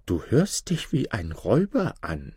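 A man's voice: mid-range voice, wildly swooping pitch, measured pace, warm tone, breathy edge, dry recording, clean studio sound, heavily acted. A man voicing a greedy, wily old tailor who haggles slyly for gold. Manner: sly and haggling.

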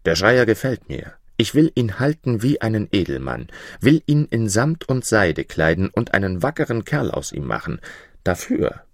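A man voicing a gruff mountain spirit disguised as a charcoal burner, talking deep, slow and stern. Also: very animated, no room sound, clean studio sound.

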